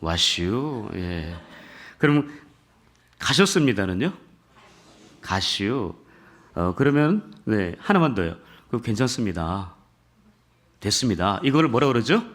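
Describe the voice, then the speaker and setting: A man's voice: mid-range voice, moderate pace, long pauses. A man pastor leading scripture reading, then preaching a sermon with jokes, questions to the congregation and rising emphasis. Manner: builds from calm scripture reading to emphatic exhortation.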